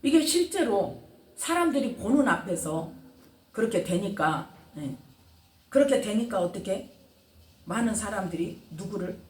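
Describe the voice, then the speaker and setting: Woman pastor, lively swinging pitch, call-and-response sermon, roomy church echo, distant mic. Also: a little slow. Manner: animated preaching with call-and-response questions. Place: church sanctuary.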